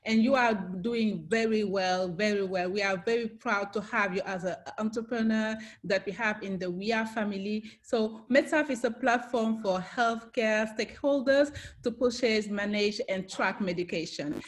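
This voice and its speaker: A woman hosting a webinar interview, halting and restarting her questions and laughing often. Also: medium pitch. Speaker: webinar host. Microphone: video call.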